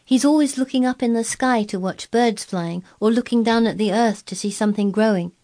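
A woman's voice: mid-range voice, normal speed, mellow, voice pushed up, close to an everyday voice. A woman reading aloud, voicing a blunt, contrary girl who speaks earnestly and stubbornly. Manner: obstinate, earnest, eager describing.

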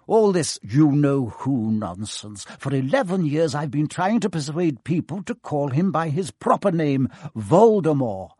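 For an audiobook, a man voices a stern, prim older woman who teaches witchcraft, scolding in a clipped, impatient way until she trembles with shock at the end. His voice is a little high and darkish with a breathy edge, swinging widely in pitch, a little slow with few pauses. The full character performance is recorded dry, with studio quality.

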